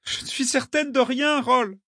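A man's voice: sits high, moderate pace, dry recording, clean studio sound, voice pushed up, lightly acted. A man reading an audiobook, voicing a sad, cryptic young woman in a raised voice. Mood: tearful. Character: young woman, wistful, gently mischievous guide.

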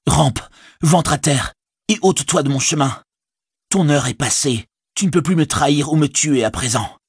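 A weary young hobbit speaks sternly and solemnly, as a man voices him for an audiobook. The tone is lifted above the reader's deep natural voice and keeps a husky grain. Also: unhurried, no room sound, clean studio sound. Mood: commanding. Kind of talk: audiobook character voice.

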